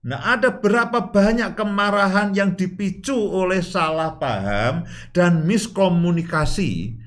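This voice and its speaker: A man's voice: sits high, animated, unhurried. A man co-hosting a show on marriage with his wife. He explains step by step, opens many lines with "nah," and laughs easily as he teases her. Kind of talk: instructive talk on marriage.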